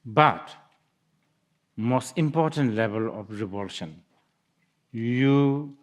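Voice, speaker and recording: Speaking slowly in a mid-range voice, a Buddhist teacher delivers a dharma talk in a lecture hall. He thinks out loud, breaking into laughs and starting over hesitantly.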